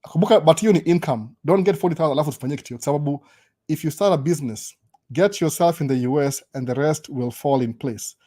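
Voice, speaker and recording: A young man with a Kenyan accent talks quickly on a casual live stream, now and then tripping over his words and starting again. His voice is dark and mellow, pitched a little high for a man. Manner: mixes Swahili and English, stammers and restarts. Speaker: host.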